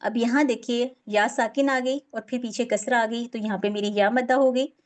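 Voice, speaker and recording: A woman's voice: a little high, fairly even intonation, moderate pace. Patient woman teaching Quran recitation. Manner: patient, explains step by step, stretches out example words. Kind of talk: online class teaching.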